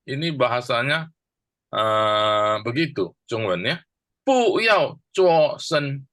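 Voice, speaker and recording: Slow, deliberate male Bible teacher. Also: mid-range voice, big pitch swings, fairly bright tone, no echo. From Indonesia. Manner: explains word by word, asks and answers his own questions; slow and deliberate with many pauses. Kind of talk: teaching a Bible verse, mixing two languages.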